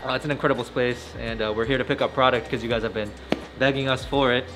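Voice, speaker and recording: A young man hosting a casual vlog, talking with many pauses and fillers. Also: mid-range voice, fairly even intonation, background noise. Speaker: vlog host. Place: indoor warehouse.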